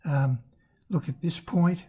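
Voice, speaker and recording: A travel vlogger of ambiguous-sounding sex narrating off the cuff, hesitantly, in a thin, squeaky voice roughened by damaged vocal cords. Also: slow pace, warm tone.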